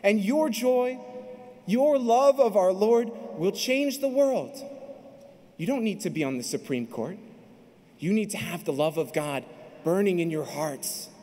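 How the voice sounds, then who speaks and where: A man in his thirties gives a fervent sermon from a pulpit microphone, his voice high for a man. He builds phrase by phrase to emphatic peaks. The sound carries a long, spacious arena reverb. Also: animated, a little slow, dark tone. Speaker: priest. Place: large indoor arena. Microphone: stand mic at pulpit.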